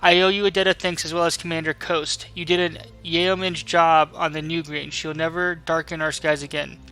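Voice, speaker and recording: Guy doing honorable old lord from a game, formal and grave, bright tone, faint music. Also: fairly high pitch, level tone, normal speed, clear, resonant tone, low-quality recording. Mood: solemn gratitude. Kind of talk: dramatic read-aloud of game dialogue.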